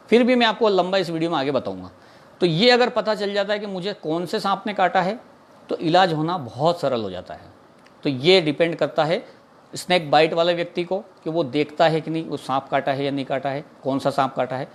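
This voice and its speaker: A man from India, a snake catcher, earnestly explaining in an informal talk, repeating himself and mixing in English words. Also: on the high side. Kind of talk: informal talk answering a viewer's question.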